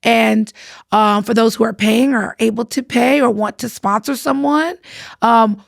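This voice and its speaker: This is a woman, co-hosting a relaxed podcast chat. Her voice sits a little high and runs heavy with gravelly fry, and she talks in an animated way with frequent laughs. The mic is close and dry. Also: a little slow, dry recording. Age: 40s. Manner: animated, laughs often, trails off mid-sentence. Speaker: podcast co-host. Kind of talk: casual chat.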